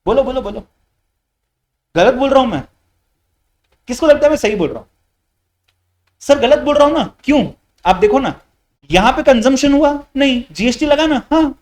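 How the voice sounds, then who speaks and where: Guy teaching a live online class, really animated, keeps asking the class questions and repeating himself. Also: very high voice, normal speed, pauses often. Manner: quizzing students with rhetorical questions; repeats key points, lively and animated. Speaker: GST lecturer. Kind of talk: live online lecture in Hindi-English mix.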